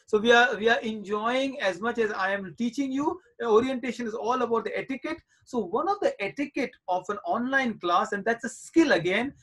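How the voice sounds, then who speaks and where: A man's voice: extremely high pitch, a bit bright. A man in his forties teaching children in a live online class over a video call, reassuring and coaxing them and repeating his points. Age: 40s.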